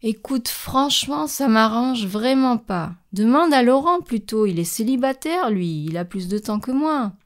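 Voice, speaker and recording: A woman's voice: on the high side, animated, measured pace, hardly any pauses. A woman playing a practical working mother who reluctantly agrees to a favor, in a scripted French lesson dialogue. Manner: reluctant, firm. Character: practical working mother, firm but kind.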